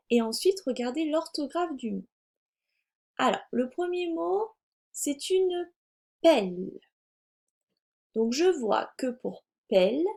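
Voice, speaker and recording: A woman primary school teacher from France giving a recorded reading lesson to young children, sounding out syllables slowly and deliberately. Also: high voice, gravelly, a little mellow. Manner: slow, deliberate, over-articulated sounding out of syllables.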